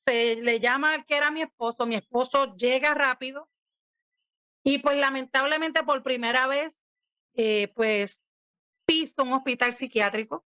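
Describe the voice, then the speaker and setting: A Puerto Rican woman giving a personal testimony, telling her story with animated energy and acting out quoted lines. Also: sits high, no echo. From Puerto Rico. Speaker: guest sharing her testimony. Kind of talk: personal testimony in casual talk.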